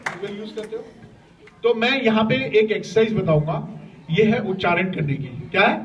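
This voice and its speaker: A man's voice: high voice, moderate pace, a loud crowd. A man leading an interactive lesson for school students. He keeps checking in with the class and praises them often. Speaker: school workshop facilitator. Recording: distant, dull mic with faint room noise.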